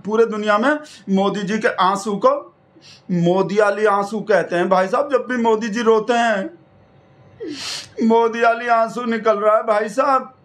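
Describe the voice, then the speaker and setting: Male comic, high-ish voice, mock-devoted rambling satirical monologue. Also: fairly even intonation, unhurried, a bit bright. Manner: mock-devoted rambling, repeats "bhai sahab" constantly. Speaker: satirical comedian in character.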